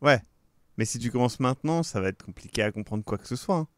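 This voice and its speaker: A man's voice: mid-range voice, animated, fast, no echo, studio quality. A man in his thirties hosting a casual, joking livestream, reading comments aloud and swearing casually. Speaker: game master and streamer.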